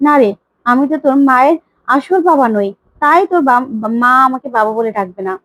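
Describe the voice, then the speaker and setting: A woman's voice: high-pitched, expressive, a little fast, a bit bright, no room sound, rough recording. A woman voicing an emotional older man who keeps pleading to be called father. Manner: pleading, repeats his plea.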